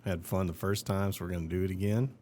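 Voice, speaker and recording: A man with a Texan accent speaks in a fairly low voice. He co-hosts a casual podcast and cracks goofy jokes. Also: fairly even intonation, quick pace, mellow, a little hiss or hum. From Texas. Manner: joking, goofy. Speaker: podcast co-host. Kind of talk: casual chat.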